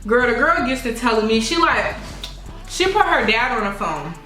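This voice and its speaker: Young woman vlogger with a bright voice telling a chatty story to camera in a roomy, echoing space. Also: on the high side, normal speed, soft background music. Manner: animated storyteller who addresses viewers directly; acts out other people's voices in her story. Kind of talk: casual storytime while eating. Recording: echoey room.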